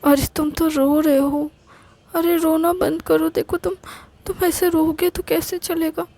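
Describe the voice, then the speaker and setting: A woman voicing a tender young woman who soothes her partner in a romantic audio story, speaking softly and haltingly. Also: extremely high pitch, little pitch movement, pitched above the performer's own voice. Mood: pleading. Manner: soft, coaxing, halting.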